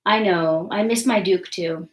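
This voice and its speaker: A woman's voice: on the low side, a little slow. A young woman talks straight to her viewers in a loose, rambling live-stream chat, full of likes and ums. She is blunt and defiant and swears without a second thought. Her voice sits in a roomy, echoing space. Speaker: vlogger.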